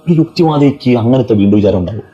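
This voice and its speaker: Fast, dark-voiced man preaching. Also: mid-range voice, animated, dull audio, soft background music. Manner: fires rhetorical questions at the listener. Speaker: Islamic speaker. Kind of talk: persuasive religious speech.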